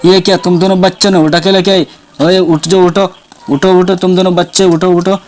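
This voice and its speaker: A menacing female witch searches frantically and spits threats, voiced by a man with a high-pitched voice. She talks in quick repeated cries of alarm, storybook style. The voice sits high for a man's. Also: little pitch movement, lightly acted. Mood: angry. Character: menacing female village witch hunting her baby. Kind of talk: toy doll storytelling.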